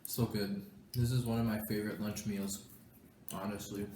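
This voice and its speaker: Young adult man, lowish voice, relaxed mukbang chatter through mouthfuls, roomy echo, faint hiss behind. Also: fairly quick. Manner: talks while chewing, mouth full. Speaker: vlogger. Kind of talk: casual mukbang chat.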